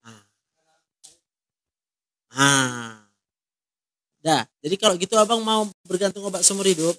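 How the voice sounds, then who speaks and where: Man, high voice, dry close sound, a counselor who presses with blunt questions. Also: animated, measured pace, bright, forceful tone, dry recording. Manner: direct, asks many short probing questions. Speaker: counselor in a ministry. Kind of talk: one-on-one counseling talk.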